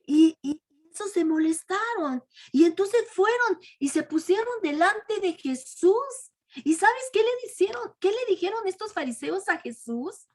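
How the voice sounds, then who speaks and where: A woman preacher giving an animated storytelling lesson, asking her listeners questions and acting out the crowd's voices. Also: very high voice, unhurried. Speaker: preacher teaching a Bible lesson.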